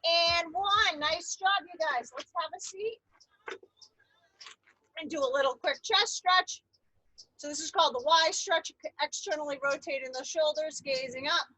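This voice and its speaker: Bright, high-voiced woman aerobics instructor. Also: unhurried, no room sound, rough recording. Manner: aerobics instructor cueing, energetic and encouraging. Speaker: aerobics instructor leading a seated chair workout. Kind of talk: instructional exercise class cueing with counted reps.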